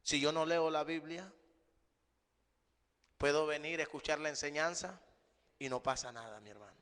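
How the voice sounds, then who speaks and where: A man preaching a sermon, emphatic, often rising and then dropping to a hush, calling his listeners brother. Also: on the high side, moderate pace, clean tone. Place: church hall. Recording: live stream with long hall reverb.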